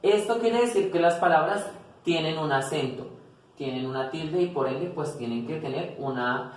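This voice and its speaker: Male teacher, slightly high voice, echoey room, distant mic, explains and checks in often. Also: normal speed. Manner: explanatory, repeats "¿listo?" and "pues", self-corrects. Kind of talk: spanish grammar lesson. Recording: very echoey room, voice a bit far from mic, faint noise.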